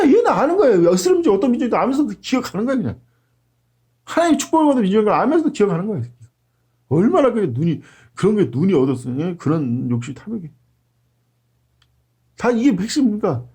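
A male preacher rehearses a sermon in an emphatic, blunt manner. He throws in coarse slang and constant rhetorical questions. His voice runs high and swings widely. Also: dark tone. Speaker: pastor. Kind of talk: sermon practice.

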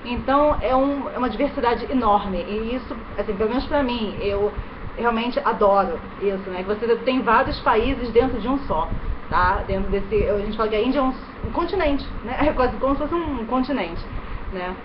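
This is casual to-camera chat from a vlogger: a woman in her thirties, originally from Brazil, whose Rio de Janeiro Portuguese accent comes through in a voice on the high side. She gestures as she talks and often adds quick tag questions, speaking from a bedroom in India. An electric fan runs in the background of the dull webcam recording.

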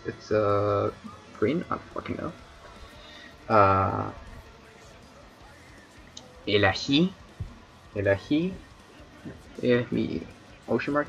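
A man's voice: lowish voice, gravelly, sharp tone, highs cut off. A man from Chile with a Chilean Spanish accent, rambling and cracking crude jokes with chat on a casual debut livestream. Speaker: streamer.

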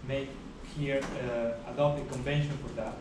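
A young man giving a university lecture in a large hall, explaining steadily with many pauses and uh fillers. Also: medium pitch, steady tone. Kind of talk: classroom lecture. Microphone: far camera at the back of the room. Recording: echoey hall recorded from far off, background hiss.

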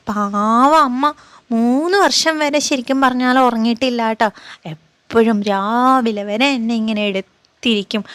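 A cheerful little boy, voiced by a woman, chats to his viewers in a high voice, leaning on friendly tag questions. The sound is close and dry, with no room in it. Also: a bit bright, no echo. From Kerala, India. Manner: chatty, coaxing, tag-question storytelling. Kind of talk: first-person vlog narration as her child.

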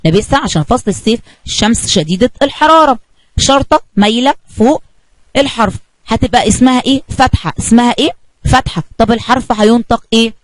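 A woman with an Egyptian Arabic accent, teaching kindergarten children by telling a story and asking questions in an animated way. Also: a little high, fast, no room sound, rough recording. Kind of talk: children's lesson narration.

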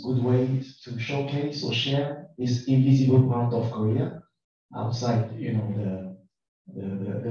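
Echoey, mellow man with a French accent. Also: medium pitch. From France. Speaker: audience member asking a question. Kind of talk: thoughtful spoken audience question. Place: lecture room, picked up from afar. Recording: distant, very echoey hall, muffled.

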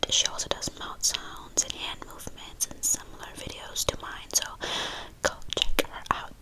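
A woman whispering ASMR very close to the microphone, with soft repeated words, mouth sounds and nail tapping. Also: normal speed. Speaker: ASMR creator. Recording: lo-fi close-up phone or webcam recording.

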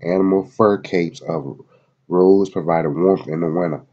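A male video host at home in Florida, congested from a head cold, reads a website aloud in a casual screen recording, dropping loose, slangy asides and many fillers between passages. His low voice is husky and mellow, steady and measured, with the highs cut off.

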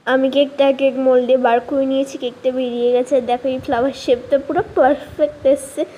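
A woman narrating her vlog in a casual way, at times talking quietly so as not to be overheard. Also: sits high, little pitch movement, brisk. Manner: quiet, hushed talk to keep a surprise. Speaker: vlogger. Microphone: voice-over recorded later.

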